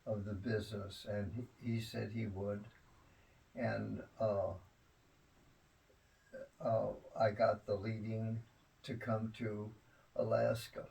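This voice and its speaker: An elderly man reminiscing in a rambling grandpa way about family history, halting often and repeating his words. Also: fairly low pitch, level tone, vocal fry, a little mellow, distant mic, poor audio. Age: 70s or older.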